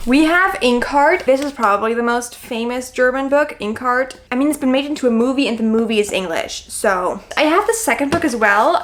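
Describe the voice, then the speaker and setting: A woman chatting casually to camera as a vlogger, gushing and informal, with self-deprecating asides. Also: a little high. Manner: gushing, effusive about the books she likes. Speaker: book vlogger hosting her own video. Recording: clear background noise, clicks.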